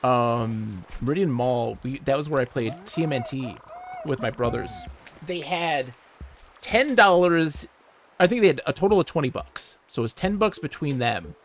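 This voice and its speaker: Animated male streamer telling stories. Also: medium pitch, moderate pace. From Michigan, USA. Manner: animated, swears freely, reads chat aloud. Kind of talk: casual storytelling while livestreaming a game.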